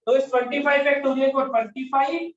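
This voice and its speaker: A male math teacher lectures his class in an extremely high, level voice at a brisk pace, repeating questions and constantly prompting students to answer. The sound is dull and lo-fi, captured by a distant mic in an echoey room.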